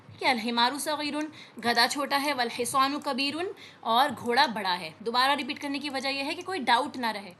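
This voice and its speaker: A woman teaching an Arabic lesson, reading words slowly and explaining them patiently with frequent checks on understanding. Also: high-pitched, bright, forceful tone, a little hiss or hum. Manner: explains patiently, repeats words, often says "theek hai" to check understanding. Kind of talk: classroom lesson.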